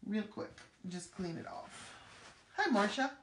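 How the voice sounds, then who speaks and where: A woman's voice: medium pitch, very animated, a little slow. A middle-aged woman hosting a live craft demonstration, chatty and upbeat, talking as she works. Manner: chatty, upbeat, talks while working. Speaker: craft demo host. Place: craft room with table. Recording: echoey room with clear background noise.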